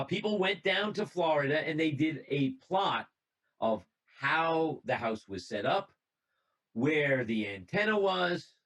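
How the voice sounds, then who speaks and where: A man speaking in a fairly high voice presents to a radio club over a video call. He tells the story in a loose, conversational way, reads out notes, and restarts a phrase now and then. The sound comes through a computer mic. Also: a bit bright, poor audio.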